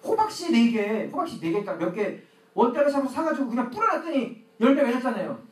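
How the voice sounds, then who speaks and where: A man's voice: very high voice, big pitch swings, fast. A middle-aged man preaching a sermon as pastor, acting out his own prayers and quarrels. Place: church sanctuary. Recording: echoey church hall, mic at a distance.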